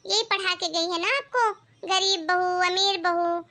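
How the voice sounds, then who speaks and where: A proud young daughter-in-law from a rich family talks back firmly in a bright, very high cartoon voice, as a woman plays her. She is assertive and defiant. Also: steady tone, measured pace, heavily acted.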